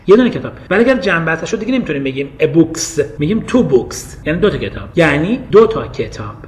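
A man's voice: a little high, sing-song. A man with a Persian accent teaching English grammar, explaining patiently and mixing Persian with English examples.

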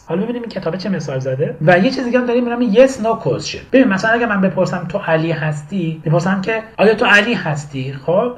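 A young adult English teacher explaining a textbook audio lesson in an informal, chatty way, repeating each phrase before translating it. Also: mid-range voice.

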